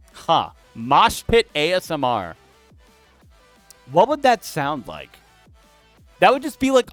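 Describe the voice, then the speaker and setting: A young man is streaming, chatting casually and rambling, often breaking off mid-thought to answer chat. His voice sits fairly high with a fairly bright tone, and the recording is dry.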